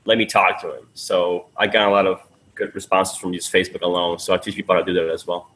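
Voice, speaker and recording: A man from Peru, somewhere in his thirties, with a fairly low voice. He talks freely and casually as a podcast guest. He drops in "man" and "dude" and restarts his sentences often. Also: little pitch movement, quick pace, fairly bright tone, low-quality recording. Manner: talkative, loose and friendly, says "man" and "dude", many fillers and restarts. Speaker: guest, sales funnel coach.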